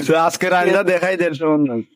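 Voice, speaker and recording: A man's voice: high voice, fast talker, no room sound. A man, casually commenting to viewers as a friend cooks, teasing and laughing often. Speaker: vlogger filming a friend cooking.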